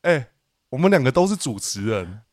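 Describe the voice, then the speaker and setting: A man with a Taiwanese Mandarin accent co-hosting a podcast, teasing and animated in casual chat. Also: normal speed, dry recording, clean studio sound. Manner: animated, teasing, jumps into a high pitch when joking. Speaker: podcast co-host.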